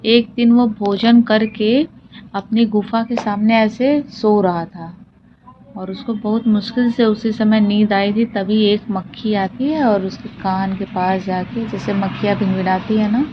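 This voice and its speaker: A woman's voice: medium pitch, fairly even intonation, a little slow. A woman teaching children a textbook story, reading it and then retelling it in simple words while she asks and answers her own questions and drops in English words. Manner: mixes English words into Hindi. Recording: dull lo-fi audio with clear hiss.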